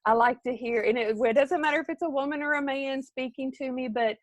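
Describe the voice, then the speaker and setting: A middle-aged woman, giving an animated motivational talk to her team on a live video and calling out viewers by name. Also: sits high, brisk, dry recording. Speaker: team leader.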